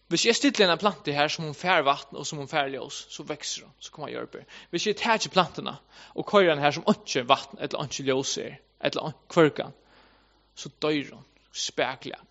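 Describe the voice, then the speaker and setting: A man with a fairly high voice preaches a sermon to his congregation, earnest and repetitive, circling back to restate each point as he builds it. The recording is dull and lo-fi. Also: gravelly, fairly bright tone.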